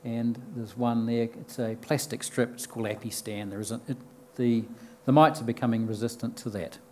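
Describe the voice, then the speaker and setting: An older New Zealand-accented man speaks from a podium mic at a conference, addressing an audience in a lecture room with bookshelves. His mid-range voice holds a steady tone at a moderate pace, he explains plainly but often ums and restarts, and a little hiss or hum is audible.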